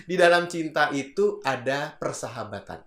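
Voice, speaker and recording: A man's voice: a little high, animated, moderate pace, fairly bright tone. A man teaching public speaking in a casual, chatty video lesson. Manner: chatty, acts out example voices, laughs at own jokes. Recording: roomy echo.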